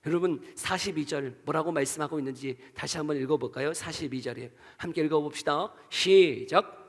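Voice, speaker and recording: A man with a high voice preaches in a church sanctuary, his words trailing into a long hall reverb. He keeps asking the congregation questions and answering them himself. He swings between loud, emphatic lines and soft, hushed ones. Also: a little fast. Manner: leads the congregation in reading verses aloud. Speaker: pastor. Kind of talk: sermon.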